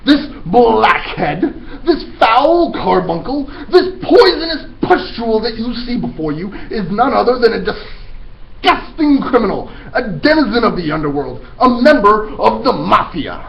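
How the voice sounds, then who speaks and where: A furious storybook headmistress, barks and bellows with bombastic relish. The pitch is pushed high and swings wildly, on a dull recording with some background noise. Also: male voice, sing-song, unhurried, creaky, exaggerated voice. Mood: furious, accusing. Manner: barking, bellowing insults with theatrical relish. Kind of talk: dramatic storybook read-aloud.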